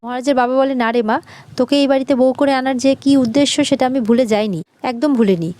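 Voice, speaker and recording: Woman, episode recap narrator, quick delivery, dry close sound, lightly voices quoted lines. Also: high-pitched, mellow, no echo. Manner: brisk storytelling, voicing characters' lines lightly.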